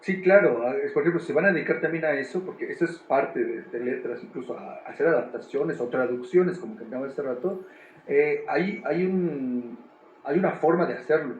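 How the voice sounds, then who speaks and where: Male director, fairly high voice, searching explainer, reverberant room. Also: brisk, highs cut off, a little hiss or hum. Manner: thoughtful, restarts often while explaining. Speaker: theater director and adapter. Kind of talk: explaining in a talk. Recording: echoey room.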